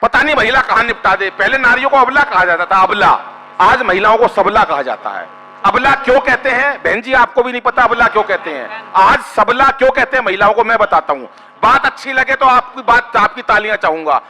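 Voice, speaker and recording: A man's voice: high-pitched, animated, a little fast, pushed and bright, long reverb tail. A man doing comic poetry at a stage poetry gathering, teasing the audience and asking them for applause. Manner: bantering with the audience, asks for applause. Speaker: stand-up poet. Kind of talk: kavi sammelan comic poetry.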